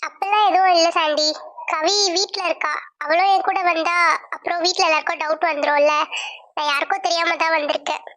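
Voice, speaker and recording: A woman's voice: very high voice, steady tone, fairly quick, fairly bright tone. A woman voicing a young woman in a cartoon who comforts her cousin. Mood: soothing. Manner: soothing, comforting. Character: reassuring young female cousin.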